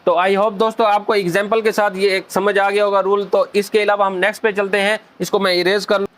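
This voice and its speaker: A man teaching a language lesson at a whiteboard, explaining each rule step by step and slowly repeating the syllables. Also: high voice, flat delivery, a bit bright. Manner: often addresses viewers as friends.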